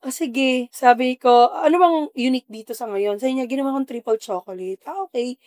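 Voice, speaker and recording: A woman telling her story on a casual podcast, her voice sitting somewhat high and recorded close and dry. She talks with plain emotion and slips into acting out what she said back then. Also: a little fast, darkish tone, no room sound. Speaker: podcast guest, food business owner.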